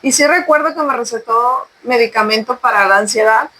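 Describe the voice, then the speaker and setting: High-pitched woman, earnest testimony-style talk, exhorts the listener. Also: fairly quick, bright, forceful tone, rough recording. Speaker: podcast co-host sharing testimony. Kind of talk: conversational faith testimony.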